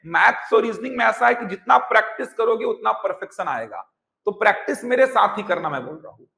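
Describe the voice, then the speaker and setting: Male coaching teacher, bright edge, high voice, teaching in an echoey classroom. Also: animated, fairly quick, vocal fry. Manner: explains by repeating terms in Hindi and English. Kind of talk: classroom lecture.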